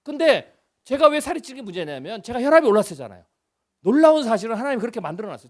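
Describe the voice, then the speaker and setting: A man in his fifties preaching a revival sermon as a guest pastor, chatty and full of rhetorical questions, moving between loud emphasis and hushed lines. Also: extremely high pitch.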